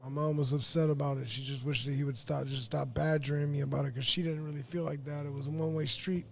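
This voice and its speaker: Gravelly young man telling his story. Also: on the high side, steady tone, fast, a little hiss or hum. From Pine Hills, Florida. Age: young adult. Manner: candid, rambling with fillers. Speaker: podcast guest. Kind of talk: casual interview chat.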